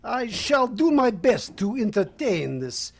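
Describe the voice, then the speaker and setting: A woman playing a courtly, sinister male vampire count in a vintage radio drama, with formal, suave and measured speech. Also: on the high side, sing-song, vocal fry, husky, full character voice.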